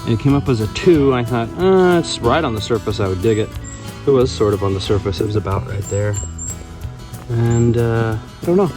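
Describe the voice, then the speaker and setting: A man's voice: mid-range voice, expressive, brisk, music in the background. A man narrating a casual outdoor vlog as a metal detecting hobbyist, thinking aloud in a musing, tentative way. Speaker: metal detecting hobbyist presenting his finds. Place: outdoors in a backyard.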